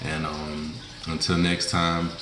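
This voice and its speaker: With a very deep, monotone voice, a young man from rural Mississippi speaks slowly to viewers in a casual mukbang, sitting at a table in a small indoor room. He is a food vlogger whose Southern talk is colloquial and folksy with informal slang, and the audio is echoey with background noise.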